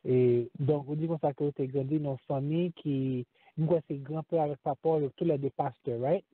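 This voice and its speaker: A man's voice: on the high side, steady tone, brisk, slightly rough, dry recording. A man hosting an interview, speaking hesitantly with many fillers and restarts. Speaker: podcast host. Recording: tinny phone line, dry.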